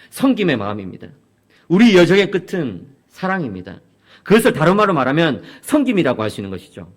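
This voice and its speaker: A middle-aged man gives a sermon in a fairly high voice. His pitch rises and falls a great deal as he tells stories and acts out the voices in them. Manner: animated storytelling, acts out quoted voices. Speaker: preacher.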